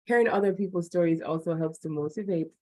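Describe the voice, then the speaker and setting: An encouraging woman hosts a video call interview, asking long, winding questions and talking fast. Her voice is fairly low and dark, and the poor-quality audio is dry and close, with no echo or room sound.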